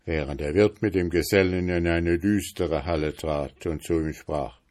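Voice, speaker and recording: A man reading a fairy tale aloud in a measured, dramatic storytelling manner. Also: deep voice, darkish tone.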